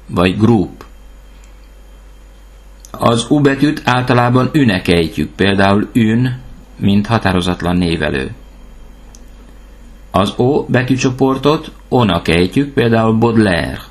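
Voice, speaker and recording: Husky man reading a language lesson. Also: lowish voice. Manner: reads word lists, pausing after each item. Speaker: language teacher. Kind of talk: slow, clear language lesson.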